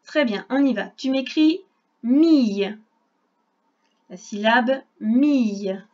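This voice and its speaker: A woman teaching a reading lesson to young children, speaking slowly and clearly and spelling out sounds patiently. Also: on the high side, animated, darkish tone, highs cut off. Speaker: primary school teacher.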